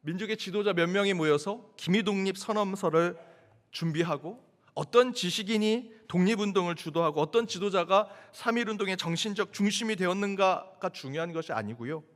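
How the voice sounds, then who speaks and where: A man preaching a sermon as pastor, lively and acting out crowd chants. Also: high voice, a little fast. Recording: long church reverb.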